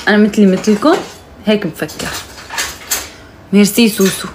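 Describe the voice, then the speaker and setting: A young Moroccan woman with a Moroccan accent, chatting casually and teasingly on a live stream, now and then calling out loudly to her mother. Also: mid-range voice, fairly even intonation, brisk, background noise.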